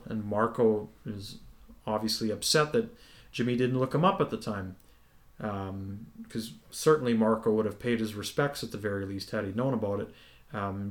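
Easygoing man recapping a TV episode. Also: mid-range voice. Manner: relaxed, many ums, explains at length. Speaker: podcast co-host. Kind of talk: casual recap discussion.

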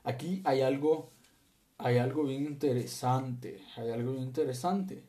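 A male preacher, giving an animated sermon to his congregation and acting out voices as he tells the story. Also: mid-range voice, a little slow. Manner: animated, acts out voices, laughs, asks congregation "¿sí?".

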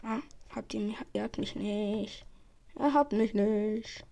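A woman giving excitable live commentary on her own gameplay, swearing and using youth slang, sometimes dropping to a whisper. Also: mid-range voice, slow pace, gravelly. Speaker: gaming channel host. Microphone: headset or desk mic.

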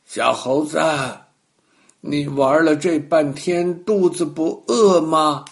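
A man's voice: on the high side, slow, gravelly. A man voicing a scheming young male crocodile in a children's story, coaxing and wheedling.

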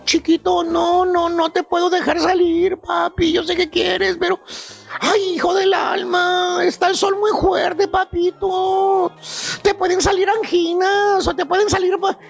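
A man's voice: extremely high pitch, little pitch movement, a little slow, creaky, full character voice. A man voicing an overprotective, babying mother who coos and pleads in a comedy bit. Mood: doting. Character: doting overprotective mother, woman, fussy and tender.

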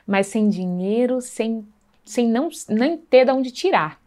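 Her voice is a little high, expressive and slightly mellow, and she speaks slowly while giving a personal faith testimony. She talks earnestly and conversationally, acting out dialogue and frequently checking in with tag questions.

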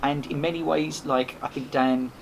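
A man's voice: a little high, fairly even intonation, normal speed, gravelly. A man, a podcast host appearing as a guest, telling a rambling casual story full of restarts and swearing. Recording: noisy background hiss.

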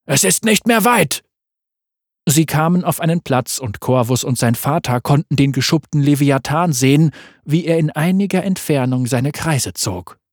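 A man narrating a fantasy story aloud in a steady reading voice. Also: a little high, moderate pace, no room sound, clean studio sound.

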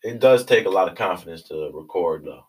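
A man's voice: deep voice, expressive, a little fast, a little mellow, recorded from a distance. A man casually interviewing someone in slangy, encouraging bro talk. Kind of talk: casual chat.

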